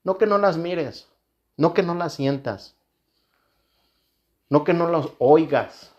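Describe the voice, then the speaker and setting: A man's voice: on the high side, slow pace, a little mellow, highs cut off. A man, a pastor, preaching a sermon in an earnest way, repeating phrases for emphasis.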